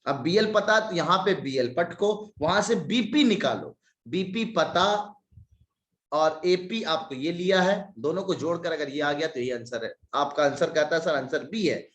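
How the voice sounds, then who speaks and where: A man's voice: on the high side, expressive, a little slow, fairly bright tone, reverberant. A man teaching a maths class online, working sums aloud step by step with joking asides, slightly stuffy from a cold. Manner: talks through sums step by step, jokey asides.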